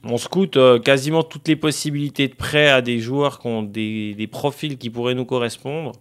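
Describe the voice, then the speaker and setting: A man's voice: mid-range voice, fairly even intonation, normal speed, clear, resonant tone. A young man casually commenting on a football career game, thinking aloud with many fillers and addressing viewers directly. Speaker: gaming streamer.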